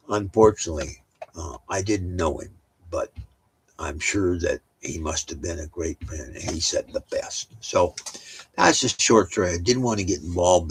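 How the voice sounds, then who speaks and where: Older man, very deep voice, husky tone, rambling family storytelling at home. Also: a bit bright, poor audio. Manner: rambling, with restarts and asides.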